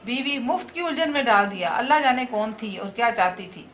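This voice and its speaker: A woman's voice: a little high, lively intonation, fairly quick, fairly bright tone, a little hiss or hum. Woman reading as a sick, grumbling husband. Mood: fretful. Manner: groaning, fretful read-aloud lines. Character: ailing irritable husband, middle-aged man, complaining.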